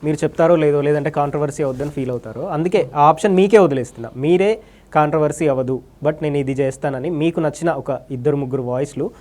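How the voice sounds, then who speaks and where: Polite male interviewer, higher voice. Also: quick pace. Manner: soft back-channel murmurs, long polite questions. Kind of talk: casual interview.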